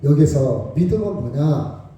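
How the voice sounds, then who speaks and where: A middle-aged man preaching a sermon to his congregation, animated, swinging between loud exclamations and hushed asides and often asking them to agree. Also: on the high side, measured pace. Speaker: pastor. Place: church sanctuary. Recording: very echoey church hall, mic far off.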